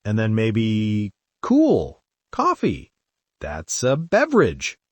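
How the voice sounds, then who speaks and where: Animated, comic American man. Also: fairly low pitch, takes it slowly, no echo. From United States. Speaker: learner in a lesson dialogue. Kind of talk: scripted conversation lesson.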